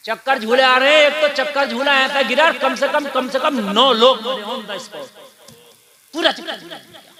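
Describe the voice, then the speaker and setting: Man, preacher, high-pitched, impassioned sermon, shouting at times, calls on crowd, live audience audible. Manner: impassioned and rhetorical, rising to shouts, prompting the crowd to respond. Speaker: Islamic preacher. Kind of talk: sermon at a public gathering. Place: large religious gathering. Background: crowd of listeners.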